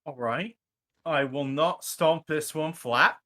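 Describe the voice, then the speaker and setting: A woman's voice: deep voice, slow, bright, forceful tone. A woman playing a tabletop role-playing game, casually describing what her character does.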